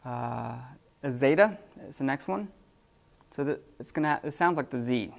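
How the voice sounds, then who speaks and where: A man teaching a classroom lesson off the cuff, halting with many fillers and restarts. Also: medium pitch, animated, vocal fry. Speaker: Greek teacher.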